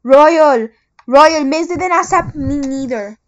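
A gamer giving casual let's-play commentary, excitedly calling out to teammates. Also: sits high, takes it slowly, dull audio. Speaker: gamer playing with friends.

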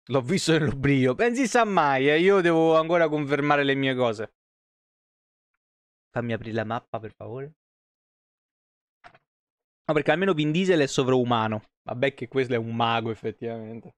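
An Italian man in his thirties streams a video game from an indoor home setup, talking at normal speed with a medium-pitched voice and frequent pauses. His casual commentary is foul-mouthed and aimed at viewers. The close streaming mic gives a sound with no echo.

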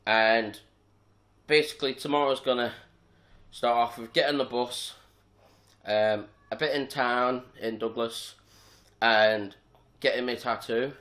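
A young man, talking casually and rambling a little as he vlogs from home. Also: mid-range voice. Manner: relaxed, rambling, with fillers and restarts. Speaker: vlogger. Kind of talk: casual vlog chat.

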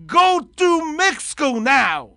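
A radio host acting out a hijacker who shouts slow, loud commands in English at a pilot. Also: sits high, very animated, no echo, clean studio sound, pitched above the performer's own voice, heavily acted. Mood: threatening.

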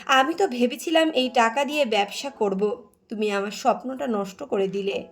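A woman's voice: on the high side, moderate pace, faint music behind, close to an everyday voice. A woman voicing an angry, stubborn young village man in a heated, raised voice while reading a story.

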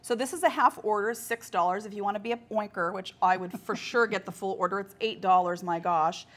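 A woman's voice: mid-range voice, a little fast. A young woman co-hosting a restaurant show, chatting with bubbly enthusiasm and frequent laughs. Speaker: food show co-host. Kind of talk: casual food-show chat.

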